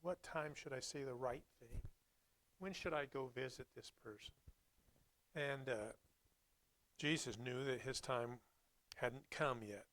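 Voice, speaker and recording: On a Sunday, a man preaches a sermon, reading scripture and commenting on it in a plainspoken, reflective, halting manner. His voice is medium-pitched and fairly bright.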